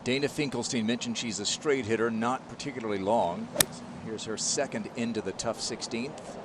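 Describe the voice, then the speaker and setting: A man working as lead golf commentator, calling tournament highlights and setting up each shot. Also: moderate pace, heavy background noise. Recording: music behind the voice.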